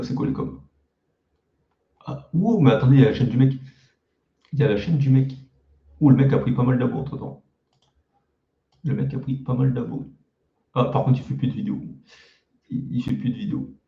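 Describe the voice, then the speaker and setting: A man's voice: mid-range voice, expressive, moderate pace, gravelly, long pauses, echoey room, lo-fi sound. A man casually reacting to his own old videos, mocking them with crude slang and self-deprecating jokes.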